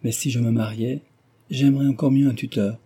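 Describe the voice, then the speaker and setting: Male reader as a composed, courteous young heiress in an audiobook; dark, husky tone. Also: mid-range voice, steady tone. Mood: politely wry. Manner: polite, measured, dryly witty. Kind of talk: audiobook character reading.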